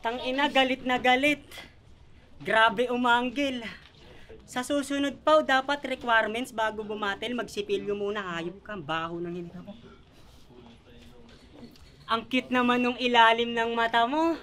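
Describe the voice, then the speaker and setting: Young woman battle rapper, slightly high voice, cheeky mocking insults. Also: measured pace, pauses often, a bit bright. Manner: mocking, laughing trash talk. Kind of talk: live rap battle verses. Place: bar venue, live event.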